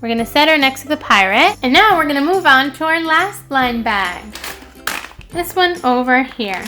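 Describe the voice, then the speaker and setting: A woman's voice: high-pitched, lively intonation, normal speed, sharp tone, faint music behind. A woman hosting a toy unboxing, cheerfully explaining each step of building a figure for young viewers. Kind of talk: narrating a toy unboxing for children.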